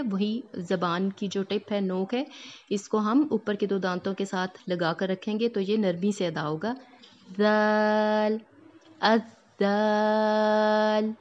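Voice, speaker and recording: A woman's voice: mid-range voice, a little mellow, highs cut off. A woman teaching Quran recitation rules, patiently explaining each letter and drawing out the sounds to demonstrate. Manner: patient, explains step by step, checks in often. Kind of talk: Tajweed lesson.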